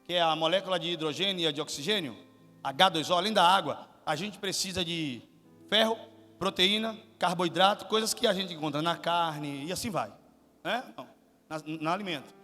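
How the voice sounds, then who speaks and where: High bright-voiced preaching man. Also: moderate pace. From Salvador, Brazil. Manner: asks the congregation questions, builds to shouted climaxes. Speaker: guest pastor. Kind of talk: sermon. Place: church hall. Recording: long hall reverb with faint music.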